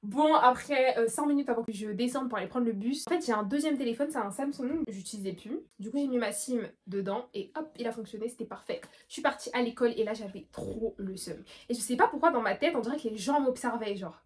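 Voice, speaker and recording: A teenage girl vlogger with a high, bright-pitched voice tells a storytime. She retells everything dramatically and breaks into loud outbursts. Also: quick pace, hardly any pauses. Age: late teens. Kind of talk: storytime vlog.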